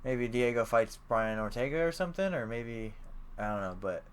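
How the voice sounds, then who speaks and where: A man's voice: mid-range voice, animated, moderate pace, smooth. Casual young man rambling about fights. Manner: rambling, filler-heavy, swears casually. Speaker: podcast co-host. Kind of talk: casual sports chat.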